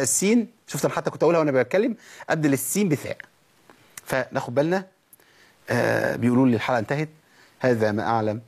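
A man with an Egyptian accent teaching a tajweed lesson, explaining errors in a conversational way and then reciting verse examples slowly and carefully. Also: mid-range voice, darkish tone. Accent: Egyptian Arabic. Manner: urges listeners directly, conversational.

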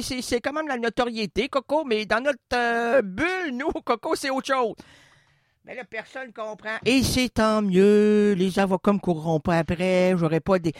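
A man's voice: high voice, no room sound, studio quality. A man doing a comic monologue full of puns, who keeps interrupting himself. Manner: animated, wordplay-heavy, self-interrupting. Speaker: comedian.

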